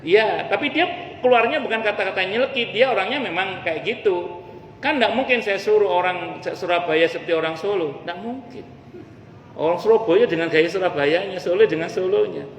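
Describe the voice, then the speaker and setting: A man's voice: sits high, moderate pace. A man giving a casual, humorous religious study lecture in a mosque, addressing the ladies in the audience directly. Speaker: preacher. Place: mosque hall. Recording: echoey hall with faint ambience.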